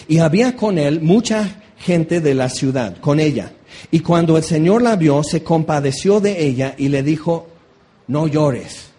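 Husky, high-voiced preacher. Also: male voice. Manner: animated, acts out voices in asides. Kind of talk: lively sermon with storytelling.

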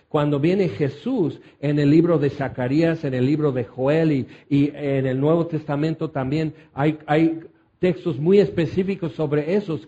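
Male preacher, conversational Bible teacher, warm mellow tone, lo-fi recording. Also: fairly high pitch. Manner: conversational, asides with "¿ok?" and "créeme".

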